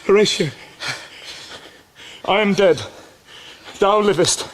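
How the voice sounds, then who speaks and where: An actor playing a poisoned, dying young prince in a classical Shakespearean drama, speaking in a halting, weakening deathbed manner. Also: male voice, sits high. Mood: weary, fading. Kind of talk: classical Shakespearean stage acting.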